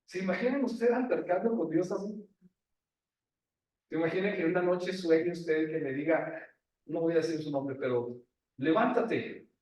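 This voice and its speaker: Pastor guy preaching, high voice, keeps asking the crowd stuff, really echoey church, mic far off. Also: normal speed, long pauses, a little mellow. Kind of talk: sermon. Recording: very echoey room, voice from afar.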